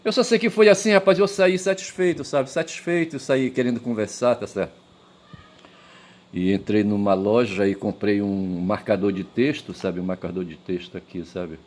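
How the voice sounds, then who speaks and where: A man's voice: lowish voice, moderate pace, a little mellow. A middle-aged man telling a story in a rambling, casual way, tagging his sentences with checks for agreement. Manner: rambling, constant "right?" tags and filler. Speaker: vlogger.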